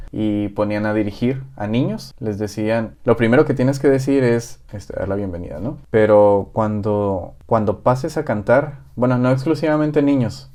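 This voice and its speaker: A man's voice: on the low side, warm tone. A man co-hosting a casual discussion podcast, recalling things in an easy conversational way. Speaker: podcast co-host.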